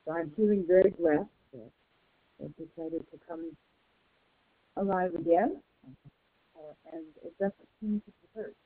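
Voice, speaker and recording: A caller on a speakerphone, hard to hear, sharing quietly and gratefully with halting pauses. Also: medium pitch, no room sound. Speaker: caller on a community call. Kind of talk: casual soft-spoken sharing. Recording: tinny, dry phone line.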